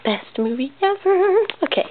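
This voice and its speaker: A woman's voice: very high-pitched, expressive, normal speed. A woman hosting a casual vlog with a friend in a bedroom, teasing her and laughing often. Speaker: vlog host. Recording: lo-fi noisy webcam audio, tinny.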